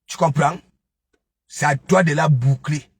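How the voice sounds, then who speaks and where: A man's voice: a little high, unhurried, slightly rough, no echo. A man giving a taunting, scolding commentary, mocking his target and repeatedly asking "hein?". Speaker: online gossip commentator. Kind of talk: ranting live commentary.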